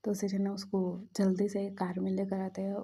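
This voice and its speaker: A woman casually retelling a fan story with chatty fillers and a soft, half-whispered delivery. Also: mid-range voice, monotone, fairly quick, slightly rough.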